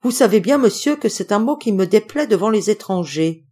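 A woman reading an audiobook, voicing a sullen young ape-man with a hoarse voice who recites like a schoolboy. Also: medium pitch, expressive, a little fast, mellow, pitched above the performer's own voice. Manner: reciting like a memorized lesson.

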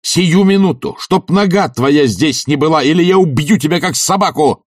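A male reader voicing an indolent gentleman who speaks in stern, cold reproach. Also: on the low side, lively intonation, normal speed, slightly rough, no echo, clean studio sound, voice pushed up. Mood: furious. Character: indolent gentleman of about thirty, roused to fury.

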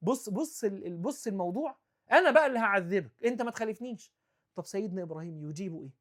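A man with an Egyptian accent giving a religious talk, swinging from loud, stressed lines to soft, hushed ones and reciting scripture and verse in a measured chant. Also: high-pitched, expressive. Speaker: preacher.

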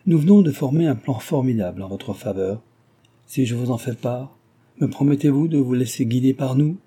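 A man's voice: mid-range voice, normal speed, warm tone, breathy edge, voice pushed up, lightly acted. A man doing a sly, teasing aristocratic lady. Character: scheming mischievous aristocratic lady. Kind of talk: audiobook character voice.

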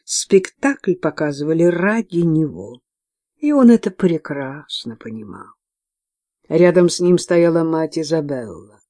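Low-voiced woman reading a novel. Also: expressive, unhurried, mellow, no room sound, studio quality. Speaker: audiobook narrator. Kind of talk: scripted first-person novel narration.

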